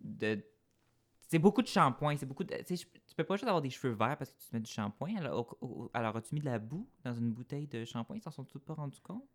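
A woman's voice: very deep voice, expressive, quick pace. A young woman with a Québécois accent, co-hosting a casual chat and mixing English words into her French. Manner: chatty, mixes English words in, frequent fillers. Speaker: podcast co-host.

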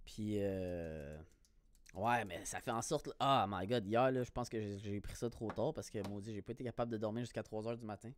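A young man with a Québécois French accent hosting a casual podcast, telling stories in a slangy, laughing, animated way with plenty of swearing. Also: on the low side, brisk, a little hiss or hum. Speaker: podcast host. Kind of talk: casual chat.

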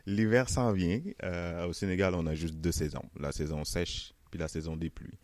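A young man from Senegal with a Senegalese French accent softened by Canadian French, chatting easily in an interview and laughing often. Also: low voice, moderate pace, no echo. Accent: Senegalese French, softened toward Canadian French. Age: young adult. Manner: relaxed, chatty, laughs often, many "euh" and "tu sais". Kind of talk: casual interview.

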